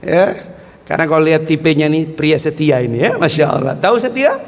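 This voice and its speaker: A man preaching at a mosque, telling animated stories with jokes and frequent exclamations. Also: on the high side, brisk, gravelly. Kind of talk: lively mosque sermon. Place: mosque hall. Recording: long mosque reverb.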